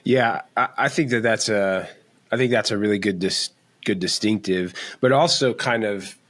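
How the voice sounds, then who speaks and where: A man hosting a podcast interview, relaxed and friendly, often restarting his sentences. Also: lowish voice, normal speed. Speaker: podcast host.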